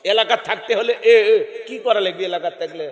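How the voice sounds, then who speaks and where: A man preaching a lively storytelling sermon, acting out characters and scolding the crowd. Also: high-pitched, fast talker. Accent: northern Bangladeshi Bengali dialect. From Bangladesh. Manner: theatrical, acts out characters with shouted lines, scolds the crowd. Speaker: Islamic preacher. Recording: echoey hall-like PA sound.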